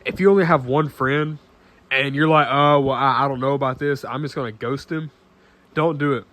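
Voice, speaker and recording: A nineteen-year-old man talking casually to camera in an earnest, halting way, full of restarts and fillers, often clearing his throat. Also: medium pitch, fairly even intonation, a bit bright. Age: late teens. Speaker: vlogger.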